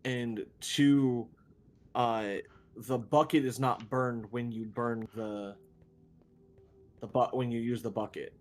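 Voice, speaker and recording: Rambling, halting male streamer. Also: medium pitch, steady tone, darkish tone. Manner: rambling, halting, self-deprecating. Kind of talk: casual chat while gaming.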